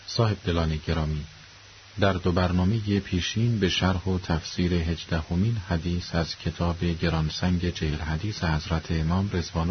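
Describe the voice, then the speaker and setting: A man hosting a radio program, reading scripted religious commentary in a formal, measured and reverent way. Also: sits low. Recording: lo-fi recording with faint hiss.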